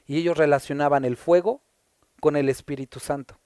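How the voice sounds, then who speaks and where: A Mexican pastor with a Puebla accent talks through a Bible passage verse by verse, pausing to ask his listeners rhetorical questions. His voice sits a little high but sounds mellow. The recording is dry and close. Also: steady tone, clear, resonant tone, no echo. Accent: Puebla Mexican Spanish. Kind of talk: conversational Bible teaching.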